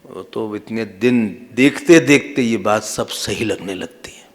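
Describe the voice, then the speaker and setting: A man who is a swami, giving a devotional sermon and telling sacred stories in a lively, humorous way, acting out the quotes. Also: fairly low pitch, slow. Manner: animated, humorous, acts out quotes. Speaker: swami, spiritual teacher.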